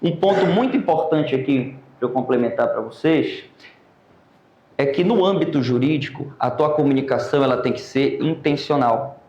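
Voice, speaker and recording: A Brazilian man teaching an oratory class, lecturing lively and calling on students by name. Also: mid-range voice, moderate pace, reverberant, highs cut off. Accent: Brazilian Portuguese.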